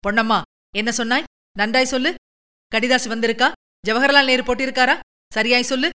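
A woman reading a story, voicing an eager, talkative young man who speaks in rapid, excited bursts. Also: mid-range voice, smooth, close to an everyday voice. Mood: alarmed, excited.

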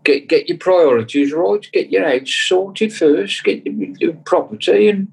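Blunt older man, husky. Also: high voice, a little slow, low-quality recording. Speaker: family member guest. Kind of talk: casual family chat.

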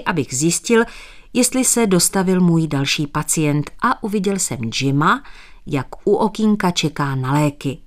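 A woman narrating an audiobook in a measured, expressive reading. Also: deep voice.

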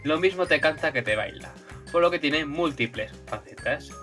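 A man hosting a podcast interview, asking relaxed, joking questions. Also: on the high side, moderate pace, faint music behind. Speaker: podcast host.

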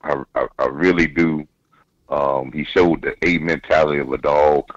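A man's voice: extremely low pitch, steady tone, normal speed, no room sound. A man calling in over the phone, a football coach chatting casually and repeating words as he builds his point. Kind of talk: casual sports chat. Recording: dull dry phone line.

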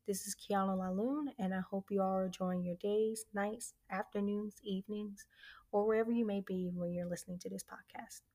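A woman's voice: mid-range voice, steady tone, a little fast, mellow. A woman hosting a podcast, giving a chatty, eager introduction with casual fillers. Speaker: podcast host.

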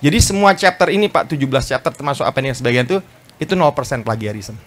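A man speaking to an audience at a book talk, lively and chatty, acting out quoted voices and often addressing listeners politely. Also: mid-range voice. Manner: animated, fast, acts out quoted voices, often adds "Pak". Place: bookstore event space.

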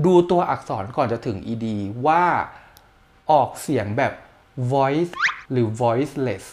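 A man's voice: mid-range voice, slow pace, background noise. A man with a Thai accent, co-hosting a casual chat and explaining things eagerly with examples. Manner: animated, explains with examples and laughs. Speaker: podcast co-host.

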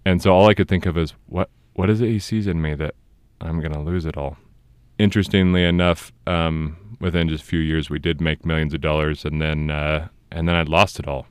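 A man in his thirties hosts a casual podcast, telling a personal story in an earnest way. His voice sits very low and comes across clean and smooth. The sound is close and dry, with no room around it. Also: fairly even intonation, fairly quick, no room sound. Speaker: podcast host.

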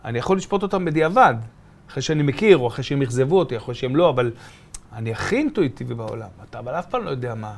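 A man's voice: medium pitch, vocal fry. A middle-aged man from Be'er Sheva, a comedian telling stories as a guest in a casual interview and acting out voices and sounds. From Israel, from Be'er Sheva. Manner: animated, acts out voices and sounds.

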